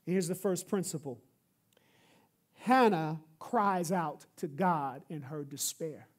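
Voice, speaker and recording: A pastor delivers a sermon with emphatic, repeated refrains that drive each point home. The voice sits in a middle pitch. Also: takes it slowly. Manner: emphatic, repetitive preaching with refrains.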